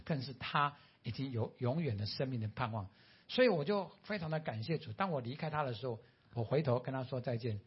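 Earnest man with a husky voice. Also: highs cut off. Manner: earnest storytelling, rising pitch at key moments. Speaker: preacher and former physician.

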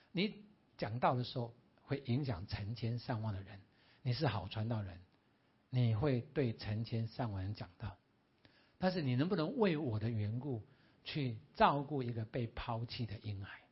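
A man voicing God, who speaks gently, softly and slowly, in a dull lo-fi recording. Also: medium pitch, animated, husky, voice pushed down. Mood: gentle. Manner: gentle, soft, slow.

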